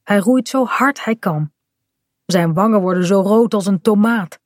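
A woman narrating a children's storybook in a clear, even storytelling manner. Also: mid-range voice, measured pace, no echo, clean studio sound.

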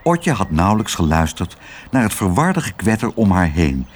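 A man reading a children's story aloud as narrator, with expressive, animated storytelling. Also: low voice, moderate pace.

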